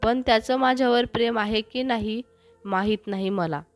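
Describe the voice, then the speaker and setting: A woman's voice: a little high, moderate pace, no echo, soft background music, close to an everyday voice. A woman voicing a shy young woman who speaks in a hesitant, pleading way in a storybook.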